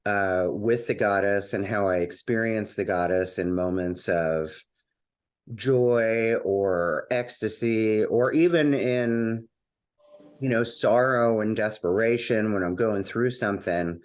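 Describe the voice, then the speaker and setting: A man's voice: on the low side, slow. A man hosting a podcast in casual conversation, rambling a little with fillers and restarts. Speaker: podcast host.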